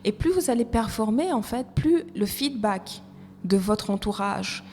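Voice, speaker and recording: A woman's voice: mid-range voice, lively intonation, a little slow, darkish tone. Woman, podcast guest, reflective, repeats herself while searching for words; roomy reverb. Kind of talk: conversational interview. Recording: reverberant room with faint noise.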